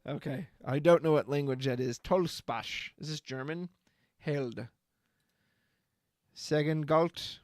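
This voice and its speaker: Male streamer, higher pitch, chatty think-aloud delivery, dry close sound. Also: slow pace, long pauses, a little mellow, no room sound. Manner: thinks aloud, reads card text and chat, chatty. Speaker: streamer reviewing trading card spoilers. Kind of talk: casual live-stream commentary.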